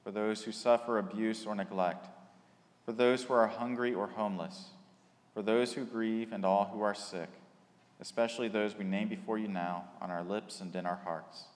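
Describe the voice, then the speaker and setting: Man, low voice, slow measured litany, worship leader, long cathedral echo, big reverberant church. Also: steady tone. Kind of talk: reading liturgical prayers. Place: large church.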